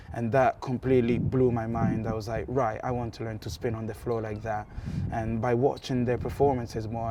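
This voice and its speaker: A man, talking to camera about his career as a dance school director, relaxed and steady with frequent ums. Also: mid-range voice, background noise. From Italy.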